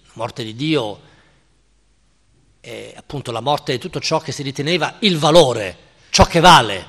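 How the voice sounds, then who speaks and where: A male philosophy professor lecturing slowly and deliberately, stressing his key words and checking in with his audience. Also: mid-range voice, animated, a bit bright, breathy edge. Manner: slow, deliberate, emphatic, checks in with listeners. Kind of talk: university-style lecture. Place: lecture hall at a cultural center. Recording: reverberant lecture hall.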